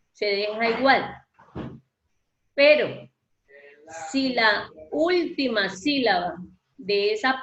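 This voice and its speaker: A woman's voice: fairly high pitch, a bit bright, echoey room, muffled recording. A woman teacher giving an online lesson, patiently explaining verse step by step and stretching out syllables as she counts them. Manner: patient, step-by-step, addresses student formally. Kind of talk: online class explaining poetry.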